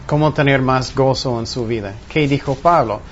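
A man's voice: mid-range voice, normal speed. A man leading an interactive Bible study, teaching in a teacherly way and putting questions to his group. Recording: muffled room recording with faint noise.

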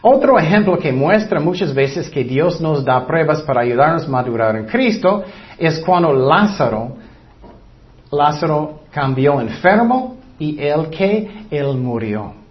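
A man's voice: a little high, big pitch swings, a little slow. A man preaching a sermon, earnest and teaching, with light self-deprecating humor. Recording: dull lo-fi recording.

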